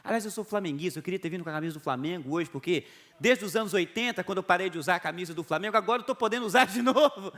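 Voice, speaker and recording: Brazilian pastor guy, middle-aged, high voice, lively storytelling sermon w little chuckles. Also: racing. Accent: Brazilian Portuguese. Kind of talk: video sermon message.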